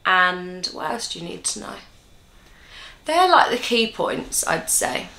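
A woman's voice: lowish voice, sing-song, takes it slowly, vocal fry, pushed and bright. A woman in her twenties chatting casually to camera in a rambling, self-mocking way while answering viewers' questions. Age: 20s. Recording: roomy echo.

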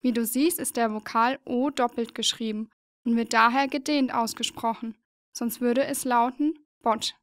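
A woman's voice: on the high side, fairly even intonation, moderate pace, no room sound. A woman narrating a learning video, patiently explaining and spelling out letters one by one in a scripted voice-over.

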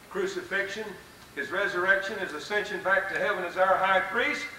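A man preaching a fervent, folksy sermon with soft chuckles, recorded live in a hall on old videotape. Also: sits high, a little hiss or hum. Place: church or lecture hall. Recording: distant, roomy live VHS recording.

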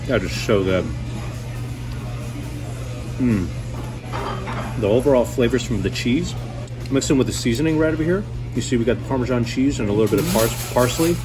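A man's voice: medium pitch, moderate pace, long pauses. Chatty man reviewing food, music behind. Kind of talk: casual food review vlog. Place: restaurant booth indoors.

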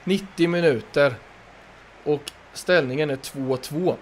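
Swedish guy yelling at his soccer game, kinda high voice, faint hum in the background. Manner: commentates his own play, shouts at players, bursts of excitement. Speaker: gaming youtuber. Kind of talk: excited play-by-play of a football video game.

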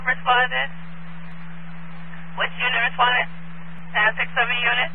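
A woman's voice: fairly high pitch, monotone, unhurried, creaky. A woman working as a police radio dispatcher, repeating reports back and asking units for details. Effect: police radio transmission. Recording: noisy narrowband police scanner radio recording.

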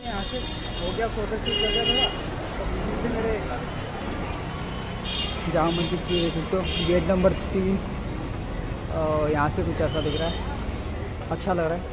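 A man's voice: high-pitched, steady tone, a little slow, long pauses. A young man talking casually to viewers as he walks through busy city streets and markets, filming himself on a phone held at arm's length. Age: young adult. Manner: chatty, addresses viewers directly. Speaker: vlogger. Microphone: handheld phone camera at arm's length. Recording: loud music and crowd noise behind. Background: loud music, crowd and traffic.

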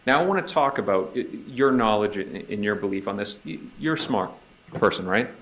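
A man's voice: on the low side, lively intonation, fairly quick, a bit bright, low-quality recording. A man with a Boston accent cross-examining a witness in a courtroom, pressing her with leading questions that end in "right?". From Northeastern US. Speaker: prosecutor.

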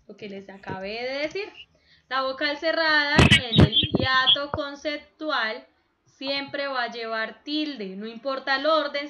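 A woman teacher giving an online grammar lesson for children, explaining slowly and patiently over a video call. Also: high voice, sharp tone, dull audio.

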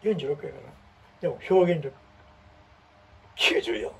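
A man's voice: on the high side, measured pace, husky, distant mic. A man with a Kansai accent chatting casually and animatedly, poking fun at himself as he talks through his things. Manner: chatty, animated, self-mocking. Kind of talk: casual chat.

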